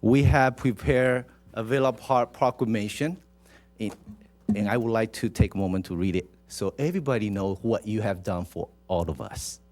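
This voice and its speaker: A man's voice: on the low side, normal speed, a little mellow, faint music behind. A man with a Taiwanese accent speaking as a mayor at a council meeting, chatty and jovial as he addresses people directly in a ceremonial address. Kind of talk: informal ceremonial public address with proclamation reading.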